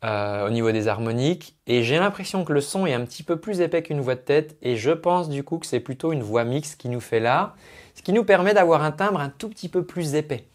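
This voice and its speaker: A man's voice: a little high, animated, a little fast. A man working as a vocal coach, giving a chatty, explanatory spoken analysis of a singer's technique. He uses singing jargon and talks into his own microphone at a computer.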